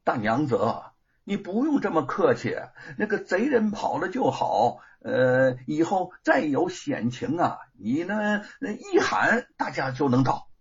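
A man's voice: fairly high pitch, very animated, unhurried, breathy edge, highs cut off, heavily acted. A male storyteller voicing a friendly village neighbor man who talks in an easygoing, reassuring way, in a storytelling performance.

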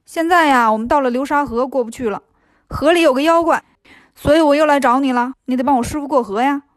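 A woman voicing a cheeky, boastful male monkey king in a storybook reading, joking and brisk. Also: high-pitched, dry recording, studio quality, lightly acted.

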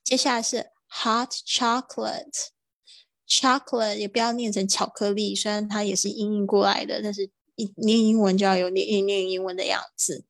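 Lady teaching english words on a stream, kinda gravelly, stretches the words out slow. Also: medium pitch, flat delivery, no room sound. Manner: slow drawn-out model pronunciations between quick explanations. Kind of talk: livestreamed vocabulary lesson.

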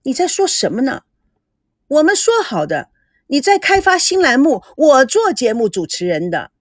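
A woman voicing an excitable young woman chatting with her older brother. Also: high voice, normal speed, no room sound, clean studio sound. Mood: pleading. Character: lively excitable young woman, little sister.

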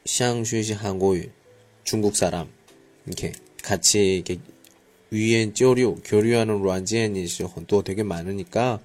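A man's voice: lowish voice, moderate pace, darkish tone. A man teaching a conversational online language class, mixing with Mandarin words and often murmuring short acknowledgments. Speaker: Korean language teacher hosting a live class. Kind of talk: conversational online lesson with learners.

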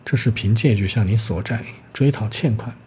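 A smug police clerk rattles off legal procedure in a dry, official manner, as a male narrator plays him. His voice is low and mellow, with faint noise underneath. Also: moderate pace, lightly acted.

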